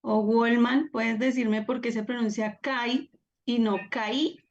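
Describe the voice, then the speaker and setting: A woman's voice: fairly high pitch, flat delivery, a little slow, darkish tone, muffled recording. A woman teaching a live online class, encouraging and upbeat as she calls on students by name over a video call. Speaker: Biblical Greek teacher.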